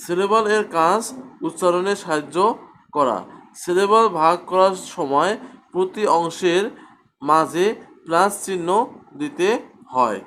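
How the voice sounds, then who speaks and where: Slow, deliberate male grammar teacher. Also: high-pitched, fairly bright tone, a little hiss or hum. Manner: repeats questions and answers them himself, slow and deliberate. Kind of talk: grammar lesson.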